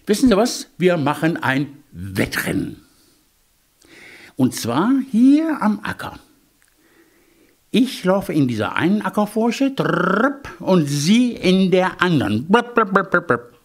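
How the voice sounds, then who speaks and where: A man's voice: high-pitched, very animated, takes it slowly, vocal fry, voice pushed up, full character voice. A man voicing a polite, cunning male hedgehog in a children's fairy tale, with a chirpy, sly manner. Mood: cheeky.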